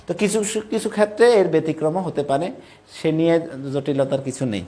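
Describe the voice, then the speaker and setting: A man teaching the careful pronunciation of verses, breaking words into syllables and chanting them slowly. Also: on the high side, dark tone. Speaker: Sanskrit recitation teacher. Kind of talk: recitation lesson.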